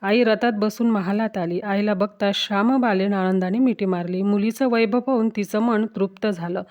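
A woman's voice: mid-range voice, steady tone, normal speed, darkish tone. A woman storyteller narrating a devotional folk tale in a rhythmic, rhyming recitation. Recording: dull lo-fi recording.

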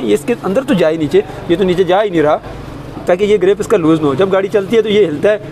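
Pakistani urdu accent, man, mechanic tutorial, slightly high voice, earnest advice, outdoor engine bay, loud engine hum. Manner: earnest, advising, points things out as he works. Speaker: car mechanic, channel host. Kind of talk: hands-on repair tutorial. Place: outdoors by an open car engine. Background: engine running, street ambience.

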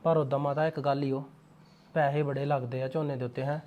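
A man playing a fast-talking young Punjabi farmer. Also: medium pitch, level tone, darkish tone, dull audio, lightly acted. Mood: calm. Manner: fast, assertive, dismissive when irritated. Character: young Punjabi farmer, stubborn, short-tempered husband. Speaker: young farmer son and husband. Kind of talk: Punjabi web drama acting.

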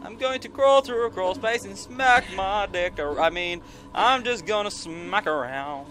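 This time he's a little slow, though still animated, with a high, fairly bright voice. Game music plays as he streams a horror game, his let's-play commentary casual and profane, jumpy, scared and sarcastic with lots of exclamations.

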